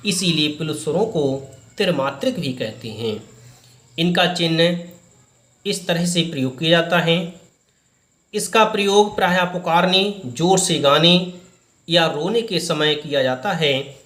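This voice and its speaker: A man teaching Hindi grammar to students, slow and deliberate, repeating each point in a different way. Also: a little high, a bit bright, reverberant. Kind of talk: explaining a lesson to students.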